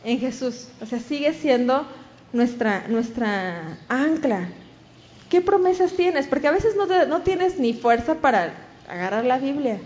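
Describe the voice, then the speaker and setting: A woman's voice: high-pitched, sing-song, unhurried, a little mellow, highs cut off. A woman with a Mexican accent preaching a sermon, telling a story and acting out the voices of the people in it.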